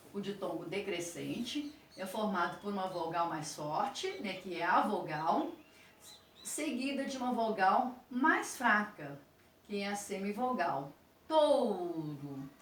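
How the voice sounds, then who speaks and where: A woman teacher with a Brazilian Portuguese accent giving a video lesson to sixth graders, explaining slowly and asking the class questions as she goes. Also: mid-range voice, fairly bright tone. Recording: roomy echo, voice from a distance, faint noise.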